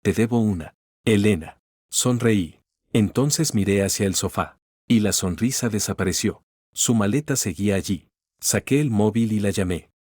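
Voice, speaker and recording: Low-voiced man narrating a story. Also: normal speed, a little mellow, dry recording, studio quality. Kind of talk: scripted first-person story narration.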